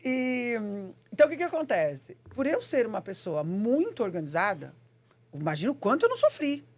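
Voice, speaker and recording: A woman's voice: on the high side, brisk. A woman chatting casually on a podcast, telling stories and acting out the dialogue she quotes. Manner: animated storyteller, acts out quoted dialogue.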